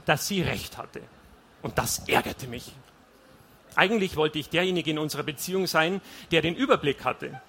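Male reader, first-person audiobook, wry and confessional, bright tone, slightly raised pitch. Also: a little hiss or hum. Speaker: audiobook narrator.

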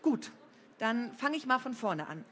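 A woman reading a storybook, voicing a cheeky, quick-tempered schoolgirl from a pirate family who talks brisk and defiant. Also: on the high side, sing-song, fairly bright tone, pitched above the performer's own voice.

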